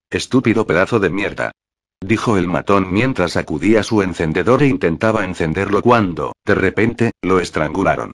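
A man narrating an audio fanfic in a steady, flat, synthetic-sounding reading. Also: low-pitched.

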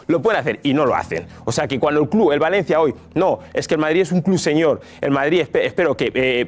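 A young man arguing emphatically as a sports pundit in a heated television debate. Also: fairly high pitch. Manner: emphatic, argumentative.

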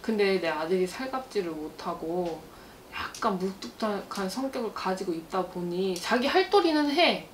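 A woman's voice: medium pitch, lively intonation, normal speed, distant mic. Woman fortune teller doing a reading, blunt and matter of fact, echoey room, bit of hiss. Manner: blunt, mixes casual and polite speech, relays what the spirits say. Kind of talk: fortune-telling consultation. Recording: echoey room with faint noise.

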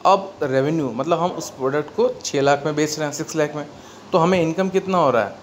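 A man's voice: a little high, brisk. A man with an Indian accent teaching an accountancy lesson, explaining step by step and asking and answering his own questions. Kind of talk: classroom lecture mixing Hindi and English. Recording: faint background noise.

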